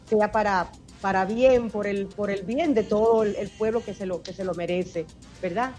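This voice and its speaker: A woman's voice: medium pitch, normal speed, a little mellow, soft background music. A woman from eastern Cuba with an eastern Cuban accent, chatting as a singer in a radio interview. She talks expressively and laughs often. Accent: eastern Cuban Spanish. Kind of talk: casual radio interview chat.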